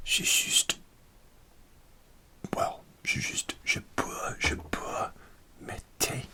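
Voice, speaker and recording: Whispering very slowly in the manner of ASMR, a guy explains dialect rules as a learner, stumbling and pausing on words he doesn't know. The whisper is careful and sounds very bright.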